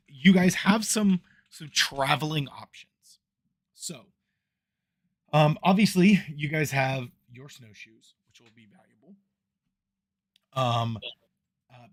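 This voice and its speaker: A man with a slightly high voice and no room sound runs a casual tabletop game as dungeon master. He rambles through the narration with many ums and restarts, moving about so his voice grows and fades away from his new desk microphone.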